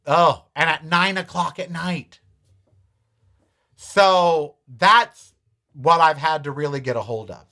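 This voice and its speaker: A man in his fifties hosting a podcast, chatting candidly and emotionally with his viewers, swinging from loud exclamations to quiet, near-tearful asides. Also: high voice. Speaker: podcast host. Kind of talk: casual confessional chat to viewers.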